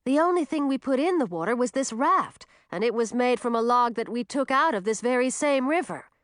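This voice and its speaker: A woman's voice: fairly high pitch, animated, brisk, dry recording, clean studio sound, pitched above the performer's own voice, lightly acted. A woman voicing a level-headed young girl wizard who sounds a little exasperated, for an audiobook. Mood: reasonable.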